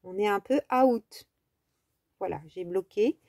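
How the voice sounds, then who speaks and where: Chatty French woman with a mellow voice. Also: medium pitch, slow, no room sound, studio quality. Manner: chatty, rambling, many fillers. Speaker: crafting tutorial host. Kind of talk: casual crafting tutorial.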